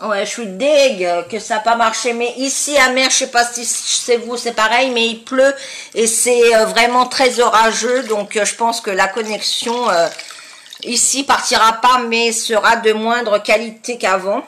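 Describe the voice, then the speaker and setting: A woman with a fairly high, honking and nasal voice, stuffed up with sinus congestion. She talks slowly and casually, as a beauty vlogger does to her viewers, often stopping to search for her words. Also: fairly even intonation, fairly bright tone. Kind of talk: casual product-review chat to viewers.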